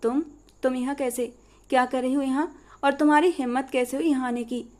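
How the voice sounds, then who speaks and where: A woman's voice: high-pitched, steady tone, fairly quick, darkish tone, lightly acted. A woman voicing a haughty, hostile young woman of a rich household in a storybook reading, with a scornful, venomous tone.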